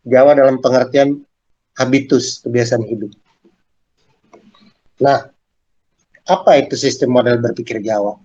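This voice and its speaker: A man lectures a class in a relaxed, talkative way, asking questions and speaking straight to his students. His voice sits at a middle pitch. The recording is dull and slightly lo-fi. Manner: conversational, asks questions and addresses students directly. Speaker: university lecturer.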